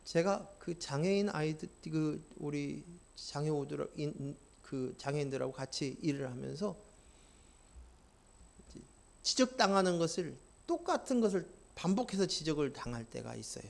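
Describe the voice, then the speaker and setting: Guy preaching a sermon, fairly high voice, gets really fired up then drops quiet, keeps asking the church questions. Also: animated, moderate pace, creaky. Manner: impassioned, swings from quiet to loud; asks the congregation questions. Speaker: pastor.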